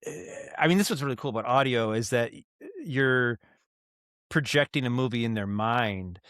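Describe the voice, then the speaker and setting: A man with a medium-pitched voice, an audio drama writer and director, appears as a guest on a casual podcast interview. He tells stories in an animated, halting way, acting out little sound effects, and the recording is completely dry with no room sound.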